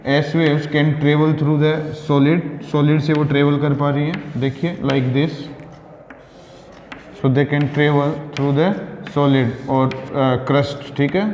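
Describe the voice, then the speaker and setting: Guy teaching class, slow, asks stuff then answers it himself, keeps saying thik hai, long room echo. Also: fairly high pitch, a little mellow. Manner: mixes Hindi and English, asks and answers his own questions; frequent fillers, "thik hai" checks. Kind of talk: classroom geography lesson with diagrams. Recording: roomy classroom reverb with faint noise.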